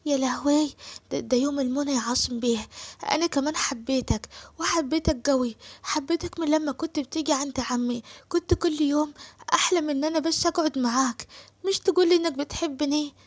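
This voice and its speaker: A woman's voice: high voice, fast talker, pitched above the performer's own voice, close to an everyday voice. A woman voicing a shy young woman with an Egyptian accent, speaking hesitantly and sweetly. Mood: overjoyed.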